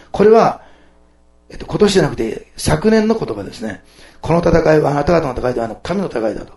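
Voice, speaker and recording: A man preaching a sermon, switching between loud exclamations and soft, quiet asides. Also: fairly high pitch, vocal fry. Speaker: pastor. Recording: echoey room.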